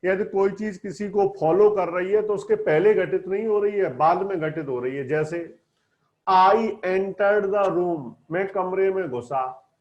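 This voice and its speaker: A man's voice: high-pitched, normal speed. A man teaching English vocabulary from a newspaper, explaining each word and quizzing his students with questions. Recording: dull lo-fi sound.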